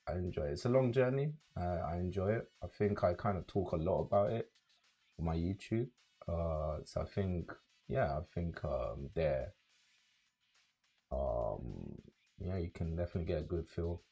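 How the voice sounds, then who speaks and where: A young man with a London accent chatting casually with viewers on a livestream, relaxed and rambling with many fillers. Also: low voice, moderate pace, slightly rough, highs cut off, faint music behind. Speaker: streamer.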